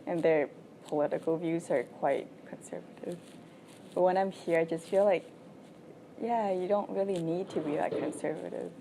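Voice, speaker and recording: A woman's voice: on the low side, steady tone, moderate pace, vocal fry, mellow, a little hiss or hum. A woman in her twenties from Thailand, giving frank, chatty answers as an international student in an interview. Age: 20s. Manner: frank and chatty, with frequent "like" fillers. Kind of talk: candid casual interview answers.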